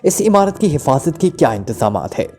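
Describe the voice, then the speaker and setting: A woman's voice: sits low, very animated, normal speed, mellow, soft background music. A man voicing a snarling ruthless female agent. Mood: commanding. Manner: snarling, curt commands. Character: cold ruthless female secret agent interrogator.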